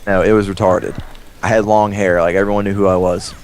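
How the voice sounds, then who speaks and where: A young man with a low voice speaks briskly, casually spinning a rambling, profane story during gameplay. He animatedly acts out quoted dialogue throughout.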